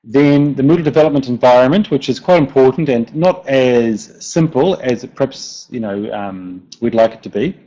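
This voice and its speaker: Male presenter, broad New Zealand accent, mellow relaxed voice, medium pitch, informal tech talk, hesitant phrasing, dull lo-fi audio. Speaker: presenter, software developer.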